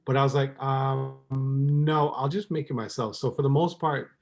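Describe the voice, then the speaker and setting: A man's voice: mid-range voice, fairly even intonation, normal speed. A man in his thirties from Trinidad, chatting casually as a podcast guest, rambling along with many ums and likes. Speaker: podcast guest, cooking YouTuber. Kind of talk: casual chat.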